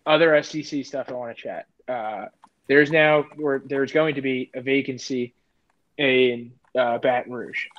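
A man's voice: medium pitch, fairly even intonation, a little slow, a bit bright. A man co-hosting a podcast in casual sports chat, hesitant, with many restarts and fillers. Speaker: podcast co-host. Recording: dull lo-fi sound, faint noise.

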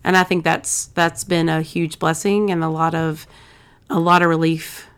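Woman, 30s, pastor's wife chatting on a podcast, kinda low voice, heartfelt. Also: little pitch movement, normal speed, smooth. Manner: warm, earnest, gets emotional. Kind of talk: casual chat.

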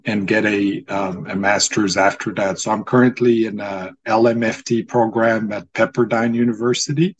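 A man in his forties from Morocco, a native Arabic speaker, introducing himself as a podcast guest in a measured way with frequent ums. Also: on the low side, rough recording. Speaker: podcast guest, former student. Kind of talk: casual interview.

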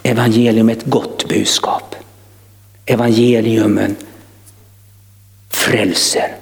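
A man's voice: on the high side, lively intonation. Fervent preacher man in an echoey hall. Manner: rising to fervent emphasis, repeating words. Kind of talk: evangelistic sermon. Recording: echoey hall with long reverb.

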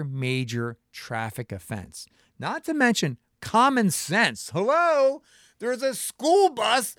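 A man's voice: medium pitch, a bit bright, dry recording, studio quality. A middle-aged man hosting his own show in a casual solo monologue, impassioned, full of restarts and rhetorical questions. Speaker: show host.

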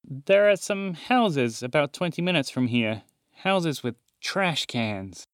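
A man's voice: on the high side, lively intonation, slow, clear, resonant tone, no echo, clean studio sound. A man doing a sheepish scavenger animal. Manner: sheepish, gentle. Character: female scavenging animal friend, easygoing.

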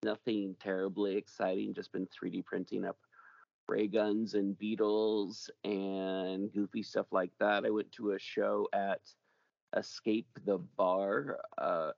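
A man with a gravelly voice hosting a casual chat show, rambling along with jokey asides. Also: fairly low pitch, a little mellow, dry recording, highs cut off. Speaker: podcast host.

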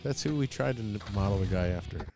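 A man's voice: fairly low pitch, animated, quick pace, over music. A man co-hosting a podcast, chatting casually and making self-deprecating jokes into a close studio mic. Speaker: podcast co-host. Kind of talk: casual chat.

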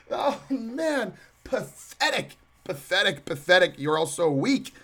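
A man's voice: high voice, sing-song, unhurried, a bit bright. A man hosting a solo podcast, sarcastic and mocking, rambling with many restarts. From Canadian prairies. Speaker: podcast host.

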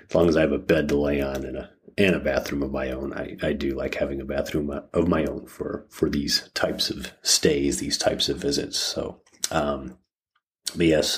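Very deep-voiced man talking inside a closet. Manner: halting, thinking aloud with many restarts. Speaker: podcast host. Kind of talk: casual solo podcast talk. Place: inside a closet of a rented room.

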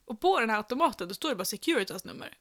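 A woman co-hosting a podcast, chatting casually and acting out the quotes in her stories. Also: on the high side. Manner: animated storyteller, acts out quotes. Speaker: podcast co-host.

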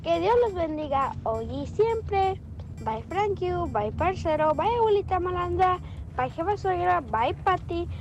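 A woman's voice: extremely high pitch, lively intonation, unhurried, lo-fi sound. A young schoolgirl giving cheerful greetings and goodbyes on a radio show. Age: child or teenage student. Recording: faint music behind the voice. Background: faint music.

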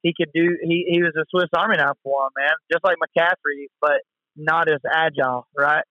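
A man's voice: fairly high pitch, steady tone, normal speed, no echo, lo-fi sound. A man chatting casually about sports as a co-host, enthusiastic and full of bro-ish slang, often repeating himself. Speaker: co-host of a sports talk show.

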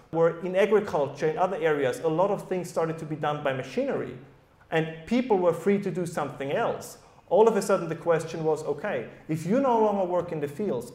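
At a summer school event hall, a German-accented man on a panel speaks casually to the crowd, often dropping in "right?" to check in. His fairly high, darkish male voice echoes around the room.

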